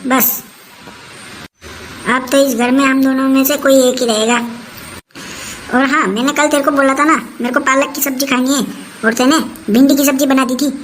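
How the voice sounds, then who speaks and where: A woman's voice: high voice, steady tone, normal speed, long pauses, slight background noise, close to an everyday voice, rough recording. A woman playing a bossy, nagging old mother-in-law who scolds and threatens in rustic dialect, in a comic family skit. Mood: scolding.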